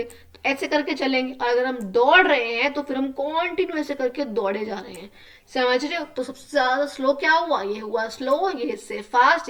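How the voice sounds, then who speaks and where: Female teacher for young kids, high voice, mic a bit far off, repeats and quizzes. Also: a bit bright. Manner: repeats words slowly for children, asks rhetorical questions. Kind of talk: explaining a school lesson to children.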